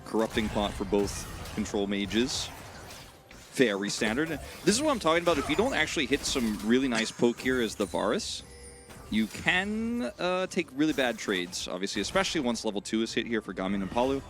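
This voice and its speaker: A man's voice: mid-range voice, a little fast, faint music behind. A man in his thirties casting an esports match, chatty and joking with his co-caster. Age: 30s. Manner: joking, talkative, lively banter. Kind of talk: casual esports commentary.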